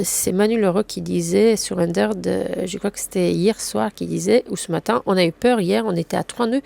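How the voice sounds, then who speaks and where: A woman with a French accent hosting a casual sailing news roundup, talking fast with many fillers and restarts. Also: mid-range voice, vocal fry, darkish tone. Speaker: sailing news video host.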